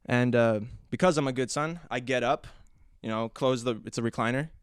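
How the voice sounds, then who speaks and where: A man's voice: mid-range voice, normal speed, smooth, dry recording, clean studio sound. A young man hosting a podcast, telling a story in a rambling way with lots of restarts and fillers, acting out his own reactions. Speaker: podcast host. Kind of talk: casual storytelling monologue.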